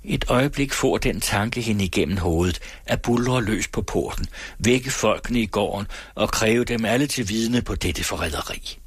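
Man, audiobook narration, measured, husky voice, dry close sound. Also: fairly low pitch, dry recording. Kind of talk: reading a novel aloud.

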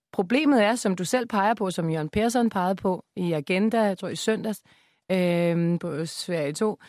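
A woman who is a guest author on a radio talk show, arguing her points in a measured, earnest way with frequent fillers. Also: on the low side, darkish tone, no room sound, clean studio sound. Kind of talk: radio debate. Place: radio studio.

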